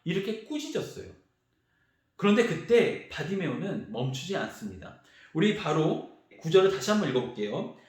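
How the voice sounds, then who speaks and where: A male youth pastor preaching a sermon to teenagers, telling the story with animated energy and acting out the voices of the crowd and the beggar. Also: fairly high pitch, normal speed. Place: large church sanctuary. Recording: very echoey church hall.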